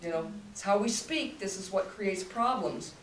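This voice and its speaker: An older woman, a voice teacher, talks at a medium pitch and normal speed, explaining technique in a demonstrative, coaching way and speaking in bursts. It's a voice masterclass talk, and she is heard from a distance in a roomy space with a faint hum.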